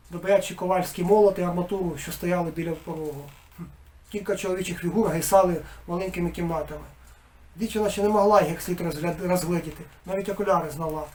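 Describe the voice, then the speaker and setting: Author reading his novel aloud, man with a high voice, expressive, goes hushed in spooky parts. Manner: expressive, dropping to a hushed tone in eerie passages.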